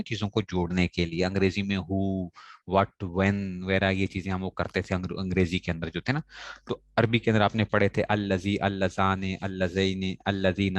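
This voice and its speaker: Man lecturing on grammar, low voice, dry sound, checks in with students, stresses pronunciation. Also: no room sound. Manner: explains step by step, keeps asking "right?"; stresses correct pronunciation with emphatic rises. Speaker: teacher of Arabic grammar. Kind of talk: classroom lecture.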